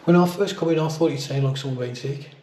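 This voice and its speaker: Man, British accent, mellow voice, casual ghost-hunt talk, roomy echo. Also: fairly high pitch, quick pace. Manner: casual, blunt, sweary. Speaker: amateur ghost hunter. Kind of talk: paranormal investigation, calling out to spirits and chatting. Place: indoors in a pub. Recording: echoey room in a pub.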